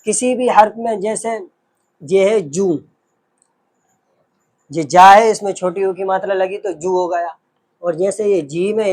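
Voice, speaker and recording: A man teaching a patient lesson, sounding out letters one by one and explaining with rhetorical questions. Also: sits high. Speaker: Urdu teacher. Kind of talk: slow, patient classroom lesson.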